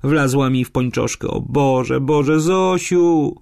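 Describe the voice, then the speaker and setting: A man's voice: mid-range voice, big pitch swings, unhurried, vocal fry, voice pushed up, exaggerated voice. A man voicing a terrified young girl who cries and pleads for help in a read-aloud story.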